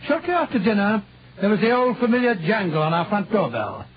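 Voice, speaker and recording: An actor playing a genial, easily shocked older British doctor, blustering and avuncular, in 1940s radio style. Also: male voice, sits high, big pitch swings, brisk, a crowd in the background. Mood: reminiscing. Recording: muffled, hissy old radio recording.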